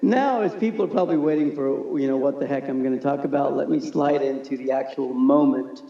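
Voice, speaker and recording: A man telling animated stories as a podcast guest, often laughing as he talks. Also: mid-range voice, brisk, gravelly. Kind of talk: casual storytelling. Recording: echoey, muffled room recording.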